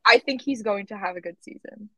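A woman's voice: mid-range voice, a little fast, sharp tone, no echo. A woman guest on a podcast, chatting casually and hedging her points with fillers. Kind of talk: casual chat.

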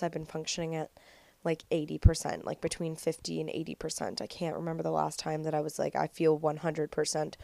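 Her low-pitched, dark voice has vocal fry, and the recording is dry. She's a podcast host in her twenties doing a casual solo show while nasal and congested with a cold, staying chatty, upbeat, and heavy on "like."

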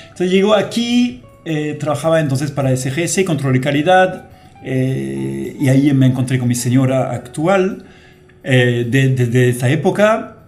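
A man from France, a French native speaking in a relaxed, chatty way with frequent hesitations, interviewed as a guest in a radio studio. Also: medium pitch, measured pace, creaky, soft background music. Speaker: guest, company director.

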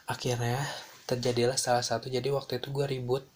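A young man telling a personal story in casual slang, animated and dropping in English phrases. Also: medium pitch, quick pace.

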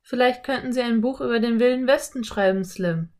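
A woman voicing a clever young boy who speaks in a calm, matter-of-fact way. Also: on the high side, a little fast, voice pushed up, natural voice. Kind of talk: audiobook character voice.

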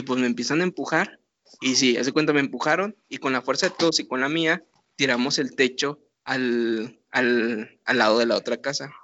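A man's voice: medium pitch, no echo. A young man with a Mexican accent, casually telling a story, laughing often and using slang. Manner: laughing, animated retelling with slang. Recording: dull lo-fi sound.

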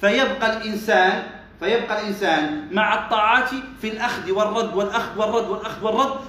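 A man's voice: high voice, very fast, sharp tone. A male religious teacher giving commentary on a classical text, explaining step by step, quizzing his students, and slipping dialect asides into formal speech. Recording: very echoey room.

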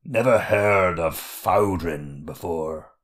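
A man's voice: sits low, slow pace, a bit bright. A man playing the sly Skurg King, a fat monster. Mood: sly mocking.

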